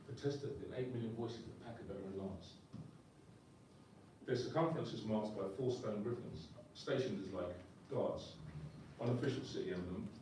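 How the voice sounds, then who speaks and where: A man delivering slam poetry in a rhythmic, emphatic spoken-word style, his voice low and mellow. He sounds set back from the mic in a very echoey room, with faint ambience behind him. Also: far from the mic, a little hiss or hum. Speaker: poet. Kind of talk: live slam poetry performance.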